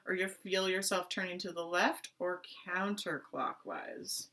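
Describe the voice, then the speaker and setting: A woman teaching a playful online strings lesson for children, asking questions and keeping it lively. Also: fairly low pitch, unhurried. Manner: animated, talks to kids with pretend play and questions. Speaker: music teacher. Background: violin notes.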